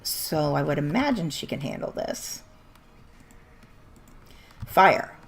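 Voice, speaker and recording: Gravelly woman chatting on a game stream. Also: low voice, animated, slow pace. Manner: chatty, laughs often, blunt swearing. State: starting to lose her voice. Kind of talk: casual livestream chat while gaming.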